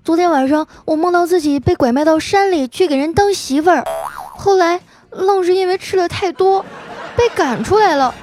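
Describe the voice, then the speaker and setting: A woman voicing a giddy, dramatic young female coworker in a comic story. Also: normal speed. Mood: indignant. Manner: excited, high and exaggerated.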